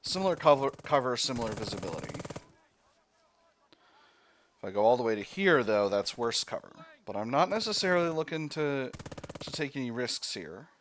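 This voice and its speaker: A man commentates on his own video game session. His voice sits at an average pitch. He works through decisions out loud, step by step, with mild exclamations. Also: big pitch swings, moderate pace, pauses often, a little hiss or hum. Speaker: let's play host.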